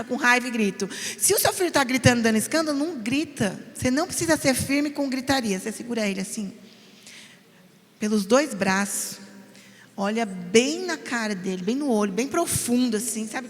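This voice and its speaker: A middle-aged woman with a São Paulo Brazilian accent leads a parenting class at church. Her voice sits high, and the big hall adds a long ringing tail to her words. She speaks with emphasis, slips in jokes and keeps checking that the listeners follow. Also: fairly bright tone. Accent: Brazilian Portuguese, São Paulo. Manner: emphatic and joking, often checks in with the audience. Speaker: church parenting course teacher.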